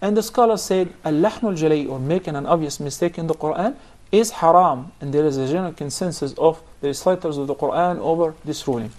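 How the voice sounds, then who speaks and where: A man's voice: on the high side, fast talker, few pauses, darkish tone. A man teaching a Quran recitation class, explaining points patiently and quizzing his students. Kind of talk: classroom instruction.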